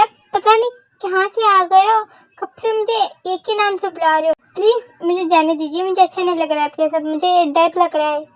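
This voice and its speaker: A woman's voice: extremely high pitch, no echo. A young woman voicing a stubborn young heroine who turns frightened and pleading in a fan audio drama. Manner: pleading, tearful, talks back sharply.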